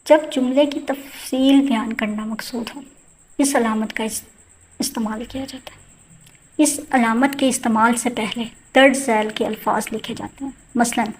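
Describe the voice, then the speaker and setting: A woman's voice: on the high side, a little hiss or hum, rough recording. A woman teaching a grammar lesson, explaining each point step by step with spoken examples.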